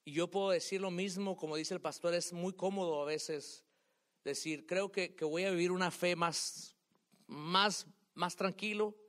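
A man preaching a sermon to his congregation, swinging between loud calls and quiet asides, dropping English words into his speech. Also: high-pitched, fairly even intonation, unhurried. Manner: rises and drops in loudness, mixing English words in.

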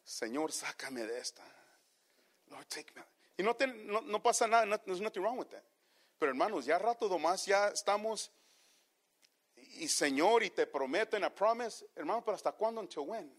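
With a high-pitched, animated voice at normal speed, a pastor gives a sermon in two languages, repeating every line in the second, and he keeps referring to the congregation as brothers.

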